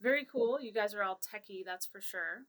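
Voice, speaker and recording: A woman's voice: medium pitch, moderate pace, fairly bright tone. A woman hosting a casual podcast interview, upbeat as she guides the conversation. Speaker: podcast host.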